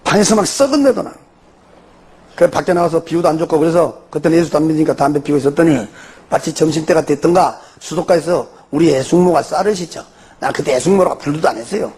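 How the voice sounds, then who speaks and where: A middle-aged pastor with a Jeolla Korean accent tells his testimony in a high, gravelly voice. His pitch leaps and dips as he throws rhetorical questions at the room. A husky edge runs under his lively delivery. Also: fast. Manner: animated storytelling with rhetorical questions. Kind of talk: testimony sermon.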